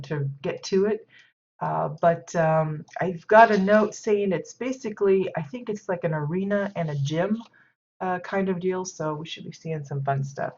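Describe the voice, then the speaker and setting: Low stuffy woman rambling thru a game tour, um uh a lot, muffled lo-fi audio. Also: darkish tone. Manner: rambling, many fillers and restarts. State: stuffy nose from sneezing. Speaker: game stream host giving housing tours. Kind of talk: casual live-stream commentary. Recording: dull lo-fi stream audio.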